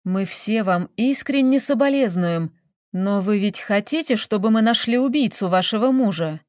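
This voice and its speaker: A woman's voice: medium pitch, lively intonation, normal speed, no echo, clean studio sound, close to an everyday voice. A woman reading a story, voicing a brusque, hot-tempered male police investigator who barks orders and questions. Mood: businesslike. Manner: barking, then coaxing.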